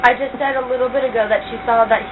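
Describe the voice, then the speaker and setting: Woman, high animated voice, quick joking player, tinny noisy recording. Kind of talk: casual game chat. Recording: tinny lo-fi home recording with noise.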